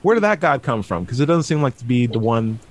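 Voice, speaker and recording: A man's voice: mid-range voice, big pitch swings, quick pace. A man hosting a casual discussion, asking probing questions with playful jokes. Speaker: host.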